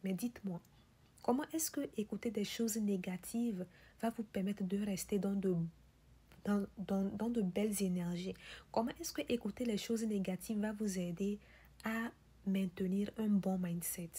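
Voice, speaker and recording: A woman delivering a motivational speech in a whispery, breathy voice, pressing the listener with insistent rhetorical questions and repeated refrains. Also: mid-range voice, steady tone, normal speed, mellow. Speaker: motivational speaker.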